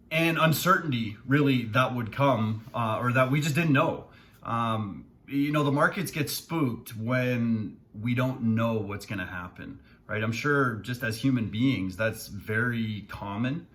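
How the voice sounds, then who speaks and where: A man who works as a financial advisor, talking casually to camera with frequent ums and plain, steady explanations. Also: medium pitch. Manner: relaxed, many fillers, plainspoken. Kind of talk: casual video commentary.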